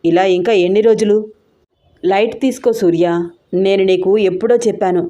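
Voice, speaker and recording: A woman's voice: mid-range voice, moderate pace, dark tone, highs cut off, close to an everyday voice. A woman voicing a blunt, mocking young male friend in an audio story.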